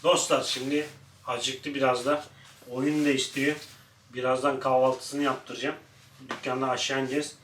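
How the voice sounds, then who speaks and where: A man's voice: medium pitch, flat delivery, moderate pace, fairly bright tone. A man vlogging at home with his dog, playfully chatting to viewers and scolding the dog in between. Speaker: pet vlogger. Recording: echoey room, mic at a distance, faint noise.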